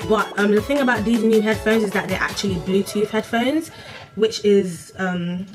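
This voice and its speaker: A woman's voice: medium pitch, normal speed. Woman vlogger talking with a lisp. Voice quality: lisp from a new piercing. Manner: chatty, blunt, swears casually. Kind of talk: casual unboxing vlog. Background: music.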